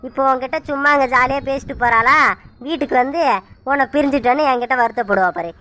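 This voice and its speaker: A woman voicing a gentle, affectionate middle-aged village father in a cartoon, speaking soothingly. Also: sits high, fast. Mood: fond. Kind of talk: cartoon voice acting.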